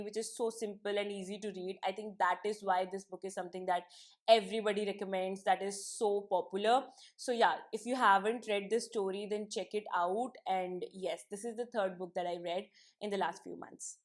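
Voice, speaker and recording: A woman speaks with a Punjabi Indian accent at a middling pitch. She hosts a book channel and reviews in a casual, explanatory style. She leans on key words as she talks to her viewers.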